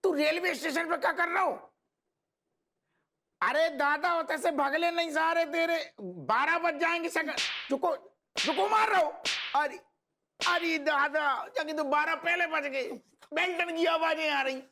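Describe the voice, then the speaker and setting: A gravelly blustering village cop. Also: male voice, very high voice, unhurried, full character voice. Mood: scolding banter. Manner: shouting, rough bossy banter. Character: blustering rustic male police inspector. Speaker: police inspector.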